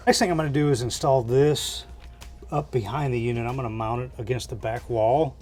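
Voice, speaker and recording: A man's voice: mid-range voice, fairly even intonation, brisk, darkish tone, soft background music. Man talking through a DIY install inside camper. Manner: plain-spoken, thinking aloud as he works. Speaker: DIY RV vlogger. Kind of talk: hands-on installation tutorial, casual narration. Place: inside a camper, small indoor space.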